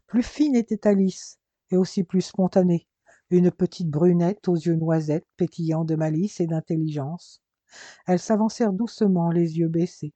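A narrator reading a story aloud in an even, unhurried way, in a dull lo-fi recording. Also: mid-range voice, dry recording. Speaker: audiobook narrator.

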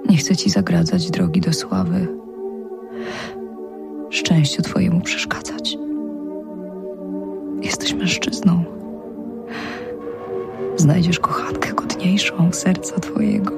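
A woman's voice: fairly low pitch, wildly swooping pitch, takes it slowly, long pauses, heavily acted. Telimena, a whispering noblewoman. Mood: tender. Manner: whispered, lyrical verse reading. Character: pleading noblewoman Telimena at a parting. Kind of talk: recited verse drama. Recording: music clearly behind.

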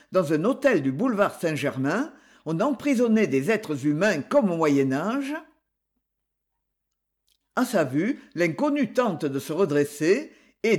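A man narrating an adventure audiobook in an expressive, dramatic reading style. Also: high-pitched. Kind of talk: scripted narration.

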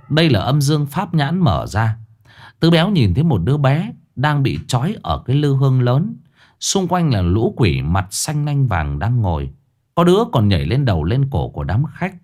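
A man narrating a ghost story in a lively, dramatic scripted reading. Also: medium pitch.

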